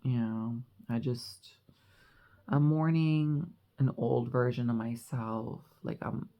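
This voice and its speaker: A vlogger muses aloud in a loose, confessional ramble, leaning on "like" and "you know." The delivery is slow and drawn out. A gravelly fry runs under the voice. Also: mid-range voice, steady tone, lo-fi sound. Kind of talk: casual reflective monologue. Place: house in Mexico.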